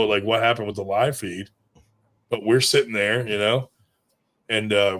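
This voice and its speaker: A man's voice: fairly low pitch, fairly bright tone. A man telling stories in casual chat, rambling and swearing freely, with lots of fillers. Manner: rambling and profane, with many fillers.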